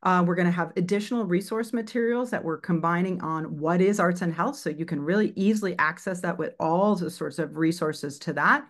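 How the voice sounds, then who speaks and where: A woman presenting a webinar on arts advocacy, talking briskly through slides with many fillers and quick self-corrections. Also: lowish voice.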